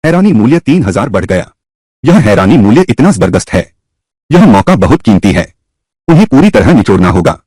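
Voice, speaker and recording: A man voicing a Hindi dub of a short drama with a husky, theatrical delivery. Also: on the low side, big pitch swings, fairly quick, mellow, dry recording. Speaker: dub voice actor.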